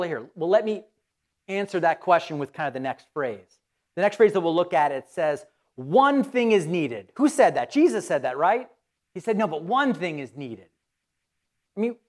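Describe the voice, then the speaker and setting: A woman's voice: mid-range voice, dark tone. A woman pastor giving a conversational sermon, asking her listeners questions and acting out quoted voices. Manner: conversational, asks the audience questions.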